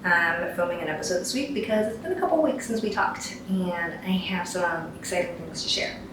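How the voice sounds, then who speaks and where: A woman's voice: fairly low pitch, moderate pace. A young woman from Taiwan hosting her knitting podcast, talking casually and enthusiastically to the camera with rambling asides. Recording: very echoey room, distant mic, faint hiss.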